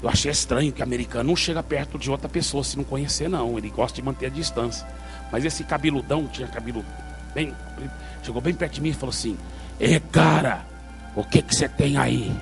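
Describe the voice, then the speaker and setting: A man's voice: mid-range voice, fast, soft background music. A man preaching a sermon as pastor, telling a story with energy and calling out to the congregation in a church hall.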